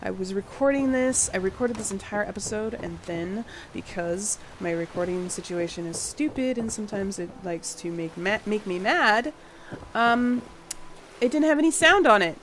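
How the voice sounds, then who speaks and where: Still a bit husky as she gets over a cold, the gaming channel host sounds worn out and late-night while she plays and builds, chatting, laughing plenty, and saying sorry frequently. Her medium-pitched voice has lively intonation and a moderate pace, captured on a home voice mic with a little hiss or hum.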